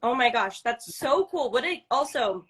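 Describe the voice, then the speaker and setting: A woman's voice: fairly high pitch, expressive, normal speed, a bit bright. A woman hosting a live-streamed interview in an upbeat, enthusiastic way. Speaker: host.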